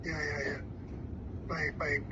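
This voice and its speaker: A man's voice: a little high, flat delivery, slow pace. A man, a pastor, heard over a landline phone call, talking in a soothing way and often agreeing. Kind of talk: phone conversation. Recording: muffled phone line with loud hiss.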